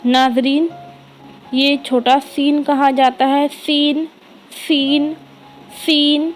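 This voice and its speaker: High-voiced woman teaching spelling slowly. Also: little pitch movement, soft background music, low-quality recording. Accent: Indian. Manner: slow, drawn-out letter-by-letter spelling. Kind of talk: spelling lesson for young children.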